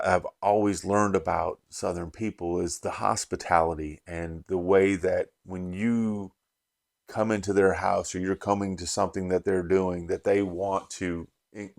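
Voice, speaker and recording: A man's voice: sits low, creaky, darkish tone. A middle-aged man from Las Vegas hosting a bourbon channel, recapping an event in a rambling, heartfelt way that often restarts his sentences. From Las Vegas, USA. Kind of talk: casual vlog recap.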